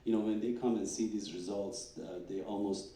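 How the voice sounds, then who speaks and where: Animated doctor speaking in an echoey hall. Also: male voice, on the low side, normal speed. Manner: animated storyteller, acts out quotes with stammers. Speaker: doctor presenting research. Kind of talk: live talk at a fundraising event. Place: event hall. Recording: echoey hall, distant mic.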